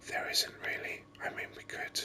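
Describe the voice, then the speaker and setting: Thinking aloud near the mic, a man who hosts gaming videos delivers whispered ASMR commentary on a game in a slow, breathy manner.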